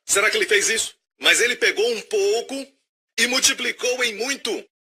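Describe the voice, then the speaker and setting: A man preaching a sermon, animated and questioning his audience. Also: high voice, normal speed, husky.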